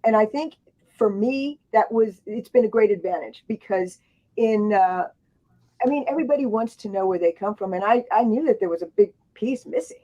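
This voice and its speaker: Speaking at a moderate pace, this woman has a medium-pitched voice with a dark tone. She's an author on a book panel who grew up in Thailand and Japan, telling rambling stories in a casual way with frequent restarts and asides. Sound quality is dull and lo-fi.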